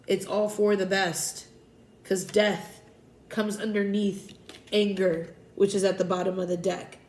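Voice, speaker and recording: A woman's voice: medium pitch, a little slow, echoey room, low-quality recording. Stuffy-nosed woman giving a casual tarot reading. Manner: relaxed, rambling, self-correcting. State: stuffy nose. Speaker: tarot reader.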